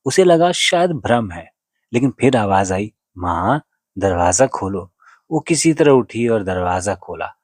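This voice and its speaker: A man's voice: mid-range voice, sing-song, normal speed, darkish tone, no echo, studio quality. A man narrating a devotional story in an earnest, dramatic way.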